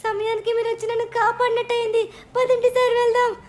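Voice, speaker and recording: A man's voice: extremely high pitch, monotone, quick pace, pitched above the performer's own voice. A man voicing an anxious young woman late for her flight in a game story, fretting about her bad luck. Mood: fretful. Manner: fretful, complaining of bad luck.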